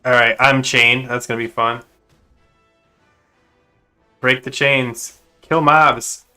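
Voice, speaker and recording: Guy gaming and ranting about his team, bright forceful voice, mid pitch. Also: slow, clear, resonant tone, faint music behind. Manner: exasperated, venting, then calming himself down. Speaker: gamer. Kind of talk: live gameplay commentary.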